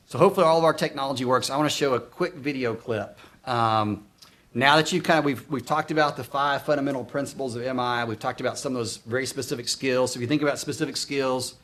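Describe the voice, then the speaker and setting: A middle-aged man from Arkansas, in the United States, leads a conference workshop as an instructor, speaking conversationally with an Arkansas accent. His medium-pitched voice is a bit bright, and he asks his audience questions and echoes back their answers. The roomy recording, made on a distant mic, carries faint room noise from the conference room.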